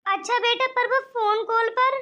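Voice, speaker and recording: A woman's voice: very high voice, steady tone, a little slow, dull audio. A woman voicing a worried, protective mother in a cartoon, coaxing and fussing over her daughter. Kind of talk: cartoon voice acting.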